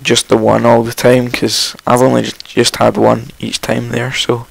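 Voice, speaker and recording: A man with a croaky morning voice, casually commentating his own game, rambling and chatty with frequent ums and self-corrections. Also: medium pitch, completely flat delivery, moderate pace, no room sound, low-quality recording. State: just woken up, morning voice. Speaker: let's play host.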